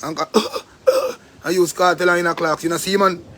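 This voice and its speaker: A man with a Jamaican accent hosting a live stream, talking in a rambling, profane, animated way. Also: sits high, normal speed. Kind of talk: casual live-stream rant.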